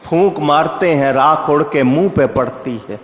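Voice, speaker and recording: A male Islamic preacher giving a sermon, telling stories with emphatic rises and asking the audience rhetorical questions. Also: on the high side. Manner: storytelling with rising emphatic outbursts. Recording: echoey hall reverb.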